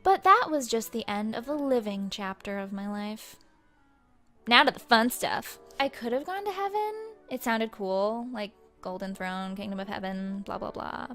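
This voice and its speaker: Woman voicing a young female ghost, valley-girl slang, flippant comic vlog, mid pitch. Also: expressive, normal speed, fairly bright tone.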